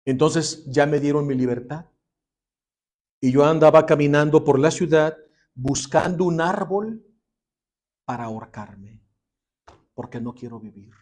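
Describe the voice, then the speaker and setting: Guy teaching bible class, kinda high voice, tells the story with feeling, goes real quiet on the heavy parts. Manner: dramatic retelling, dropping to a hushed voice for emotional lines.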